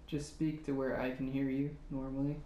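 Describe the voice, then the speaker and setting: A man's voice: mid-range voice, level tone, normal speed, mellow, slight background noise. Teasing easygoing guy gaming, echoey room. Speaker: co-host playing a video game. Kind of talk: casual chat while gaming.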